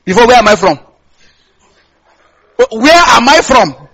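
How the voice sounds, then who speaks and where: A man's voice: very high-pitched, very animated, a little slow, bright, forceful tone, husky. A man from northern Nigeria with a Hausa accent preaches a sermon conversationally, repeating phrases and putting questions to his listeners. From Kaduna State, Nigeria. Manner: conversational, repeats phrases, asks listeners to complete or confirm lines. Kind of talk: sermon to a congregation.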